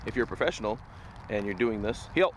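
The vlog host's fairly low, expressive voice moves quickly as he walks and talks on a city street, though it's giving out. He rambles in a relaxed, upbeat, motivational manner over loud street sounds.

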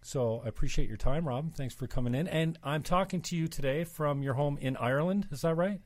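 A middle-aged man hosting a casual interview, talking in a halting, meandering, informal way. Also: on the high side, no room sound. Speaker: interview host. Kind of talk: casual chat, loosely improvised interviewing.

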